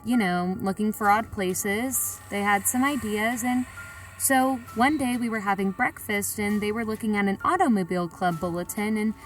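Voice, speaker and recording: A woman with a mid-range voice, slightly acted and at normal speed, plays a plain-spoken, reflective sightseer narrating in the first person for an audio drama. She tells her story colloquially, in a musing, confiding mood, recorded on a distant mic over soft background music.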